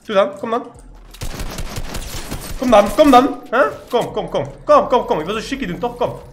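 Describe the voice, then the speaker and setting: Boastful young man, high voice. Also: lively intonation, normal speed, slight background noise. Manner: boastful, trash-talking, repetitive taunts. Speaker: gaming YouTuber. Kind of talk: live gameplay commentary.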